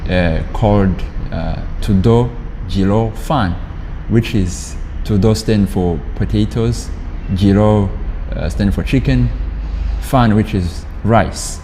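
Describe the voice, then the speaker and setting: A young man from Rwanda with a low, mellow voice answers interview questions in a halting way, pausing often to search for words. The recording has a long, hall-like reverb and a faint noise underneath. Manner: halting, with frequent pauses and fillers. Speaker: university student interviewee.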